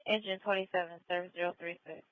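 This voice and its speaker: A woman's voice: fairly low pitch, little pitch movement, fast talker, no room sound. A woman working as a fire dispatcher on urgent firefighter radio, repeating back reports in clipped, procedural phrases. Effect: two-way radio. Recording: dull lo-fi radio audio.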